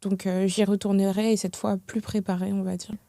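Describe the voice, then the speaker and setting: Reflective young woman, mellow and dry. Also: mid-range voice, flat delivery, a little fast, dry recording. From France. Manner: reflective, hesitant, many fillers and restarts. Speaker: guest. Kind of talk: casual podcast conversation.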